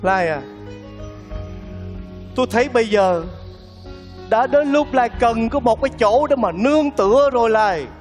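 A man's voice: extremely high pitch, lively intonation, measured pace, long pauses, long reverb tail, faint music behind. An actor playing a kindly, lovesick man who pleads earnestly with a widow, speaking in a stage comedy sketch. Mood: pleading.

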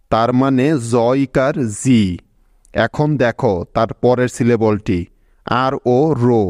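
A man's voice: mid-range voice, a little mellow, no echo, clean studio sound. A man giving a patient, scripted spoken lesson as an English pronunciation teacher, explaining step by step and checking in with learners.

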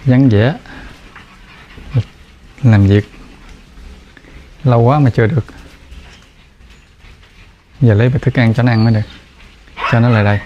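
A man's voice: steady tone, a little slow, pauses often, mellow, highs cut off. Southern Vietnamese man filming his dog kennel. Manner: chatty, talks to the dogs in raised higher voice. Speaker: dog breeder. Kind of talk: casual vlog commentary. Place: indoor dog kennel with concrete floor. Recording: noisy kennel with dogs. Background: dogs barking and moving about.

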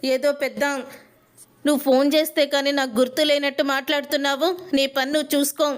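A woman voicing a sharp-tongued older mother-in-law in a spoken story retelling, with a scolding, demanding manner. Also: high-pitched, level tone, a little fast, natural voice.

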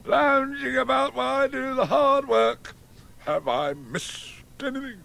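An actor playing an irritable older sea captain in a radio drama, gruff and gravelly, given to exclamations and curses. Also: male voice, very high-pitched, slow pace, bright, forceful tone, heavily acted. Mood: grumbling.

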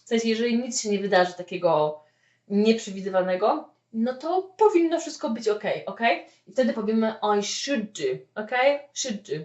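A woman teaching a spoken English lesson, explaining with lively "okay?" check-ins. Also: a little high, a little fast. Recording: echoey room, mic at a distance, dull lo-fi sound.

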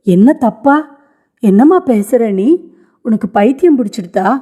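A woman reading the lines of a hot-tempered, tradition-bound middle-aged son in a story, shouting and scornful. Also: medium pitch, fairly even intonation, a little slow, natural voice.

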